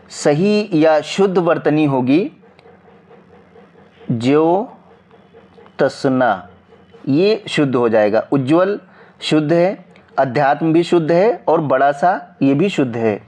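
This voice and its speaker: Explaining exam practice questions as a coaching teacher, a man with a Hindi accent is slow and repetitive and checks in with viewers often. His slightly high, slightly mellow voice is expressive.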